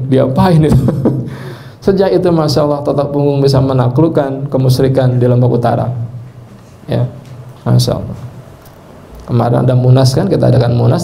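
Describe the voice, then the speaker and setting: A male preacher and healing trainer telling animated stories to a live training audience, addressing listeners directly and often breaking into devout exclamations. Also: mid-range voice, creaky. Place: indoor training session with an audience.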